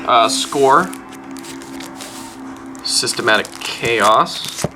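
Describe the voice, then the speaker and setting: A man chatting casually at home, rambling through a list and swearing offhand. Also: mid-range voice. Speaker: music collector vlogger. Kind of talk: casual chat listing albums. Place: room at home, close to a wall.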